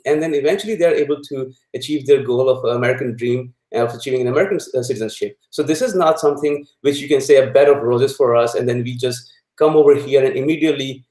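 A man from Pakistan, a guest in a political interview, speaking haltingly with many fillers and growing indignant. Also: medium pitch, a little mellow, reverberant, poor audio.

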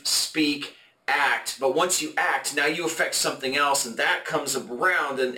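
Halting man teaching a Bible study. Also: fairly high pitch, sharp tone. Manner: halting and explanatory, many fillers and restarts. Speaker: podcast co-host leading a Bible study. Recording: echoey room, mic at a distance.

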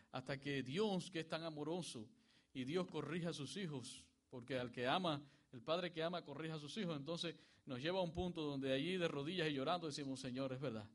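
Male pastor, high-ish voice, sermon cadence, swells when quoting scripture. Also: a bit bright. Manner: preacher's cadence, calls for congregation to repeat words; rises in pitch and volume when quoting scripture.

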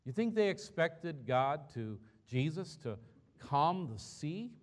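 A man's voice: fairly high pitch, very animated, slow. A man pastor preaching a sermon in a church, earnest and conversational, asking the congregation rhetorical questions.

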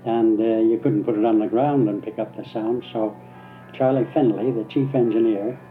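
A man's voice: fairly low pitch, fairly even intonation, moderate pace. An older man, a retired radio engineer, relaxedly reminiscing in an interview with hesitant fillers, heard through a gritty early-microphone sound. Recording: tinny lo-fi archival tape, faint music behind.

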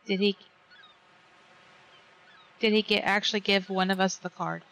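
A woman playing a tabletop game, talking in a hesitant, halting way. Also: mid-range voice, flat delivery, a bit bright. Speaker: player. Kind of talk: casual role-play at a game table.

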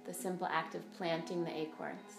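A woman's voice: low voice, little pitch movement, normal speed, vocal fry. A woman teaching a guided yoga class, giving step-by-step directions and breath counts. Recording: roomy echo, faint music behind.

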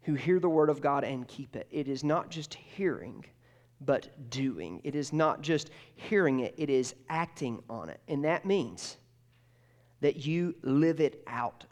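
A male pastor preaching a sermon in an earnest way, repeating phrases and dropping softer as he prays. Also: a little high. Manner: earnest, repeats phrases, drops to soft tones in prayer.

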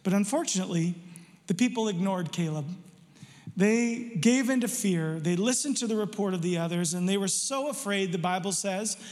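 A man's voice: sits high, expressive, moderate pace, a little mellow, big-room sound. A male pastor preaching a sermon emphatically, asking the listeners rhetorical questions.

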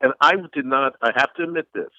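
A man's voice: medium pitch, fast talker, sharp tone. A man co-hosting a casual sports talk show, telling stories with emphasis. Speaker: co-host. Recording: dull, dry lo-fi audio.

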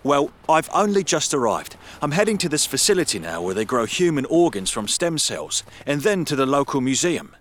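A man voicing a young male artist on a phone call, talking in an animated, playfully teasing way, his voice raised above his narrating tone. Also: fairly high pitch, moderate pace, few pauses, a little hiss or hum, voice pushed up. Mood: excited. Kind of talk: audio drama acting.

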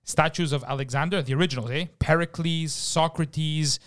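A man's voice: fairly high pitch, steady tone, moderate pace. Emphatic man chatting. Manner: emphatic storyteller, repeats himself, slangy. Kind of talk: casual opinionated chat.

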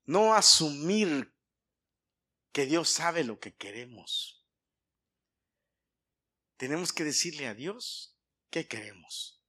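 Male pastor, bright forceful voice, a bit high, emphatic preaching with throat clearing. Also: expressive, slow pace, long pauses. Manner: preaching with emphatic swings in volume and pitch. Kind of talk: sermon.

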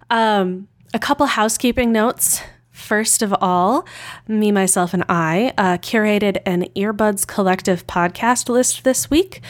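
A woman co-hosting a podcast, narrating a casual intro alone in an informal, chatty, self-deprecating way. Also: mid-range voice. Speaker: podcast co-host.

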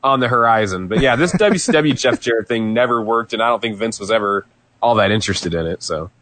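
A man co-hosting a podcast, talking about old wrestling in a relaxed, knowledgeable way. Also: on the low side, a little fast, no room sound. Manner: relaxed, knowledgeable, easygoing with fillers. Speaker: podcast co-host.

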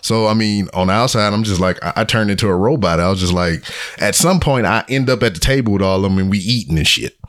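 A middle-aged man on a podcast, telling a story in casual chat, profane and animated, acting out what people said. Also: on the low side, quick pace, no echo, studio quality. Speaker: podcast co-host. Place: home podcast studio.

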